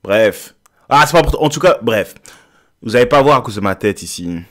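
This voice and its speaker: A man commenting casually on a show clip he is watching, animated and dropping English phrases into his French. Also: medium pitch, fairly quick, a little hiss or hum. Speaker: YouTuber reacting to a show.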